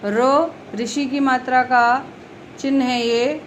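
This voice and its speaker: A woman teacher talks young pupils through a grammar lesson in a slow, patient way. Her voice sits a little high, and she repeats each letter and example word with care. Faint background noise runs under the recording. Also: fairly even intonation, poor audio. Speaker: primary school teacher. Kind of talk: explaining Hindi grammar to young children.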